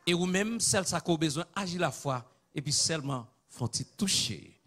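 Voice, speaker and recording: A man with a Haitian accent preaching a sermon, swinging from hushed asides to chanted, shouted climaxes. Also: a little high, animated, normal speed.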